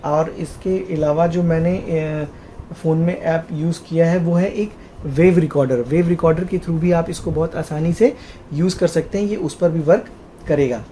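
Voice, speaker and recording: A man's voice: on the high side, steady tone, normal speed, mellow, a little hiss or hum. Hesitant man demonstrating a gadget. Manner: hesitant, with frequent "uh" fillers, addresses viewers as friends. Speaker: tech tutorial host. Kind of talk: casual how-to demonstration.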